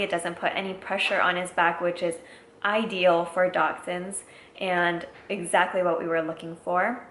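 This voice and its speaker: Woman, twenties, relaxed product-review vlogger; lower register, slight room echo and faint background hiss. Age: 20s. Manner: friendly, explanatory, walks through features. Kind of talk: casual product review vlog.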